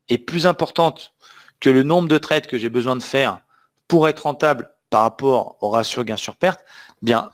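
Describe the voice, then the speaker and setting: A man teaching a live online trading webinar, talking emphatically and often checking that the audience understands. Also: on the high side. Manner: emphatic, asks the audience questions. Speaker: trading trainer.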